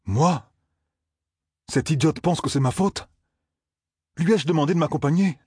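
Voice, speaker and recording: A man voicing a gruff, indignant young blacksmith who grumbles back at others. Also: on the high side, a little slow, a little mellow, no echo, clean studio sound, pitched above the performer's own voice.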